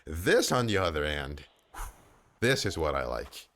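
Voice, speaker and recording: A young man giving let's-play commentary on a horror game, animated and talking back at the screen. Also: rumbling low, a little slow. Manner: animated, talks back to the game, exclaims and repeats himself. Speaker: gamer playing a horror game.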